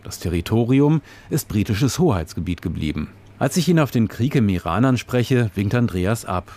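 A male reporter narrates a scripted radio report with a fairly low voice. His delivery is measured and descriptive, laying out scenes and background in an even flow.

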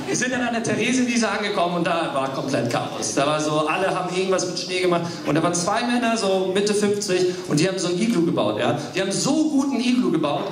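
A man in his thirties performing a stand-up comedy set, telling animated stories and often laughing. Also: high voice, fast talker, hardly any pauses. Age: 30s. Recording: echoey stage sound from far off, loud audience.

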